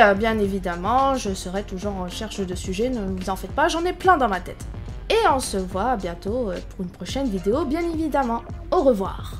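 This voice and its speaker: A female VTuber host delivers scripted commentary in a slightly high voice, sprinkling in fillers as she shares her opinions. Faint background music plays beneath her. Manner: chatty, opinionated, many fillers.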